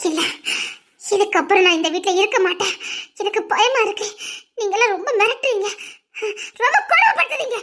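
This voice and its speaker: A woman's voice: extremely high pitch, animated, a little fast, sharp tone, full character voice. A young woman with a Tirunelveli Tamil accent playing a defiant wife, protesting tearfully and repeating herself. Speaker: young wife in a family drama. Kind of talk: family drama acting.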